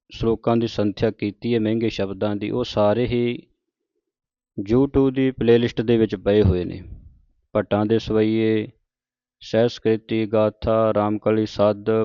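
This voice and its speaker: A man teaching the correct pronunciation of scripture, chanting each verse slowly and deliberately, then explaining the right way to say it. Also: fairly low pitch, dark tone, smooth, no echo, lo-fi sound.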